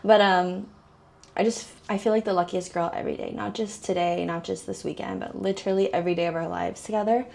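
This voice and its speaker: A woman's voice: mid-range voice, fairly even intonation, quick pace, gravelly, a little mellow. A woman in her thirties, chatting to her phone camera in a giddy, emotional vlog. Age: 30s. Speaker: vlogger. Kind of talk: casual vlog chat.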